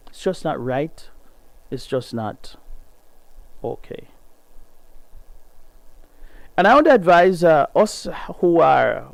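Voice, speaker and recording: A middle-aged Jamaican man with a gravelly voice hosts a gospel radio show, first reading an article aloud and then speaking earnestly and emphatically, his pitch rising to stress points. The recording is dry.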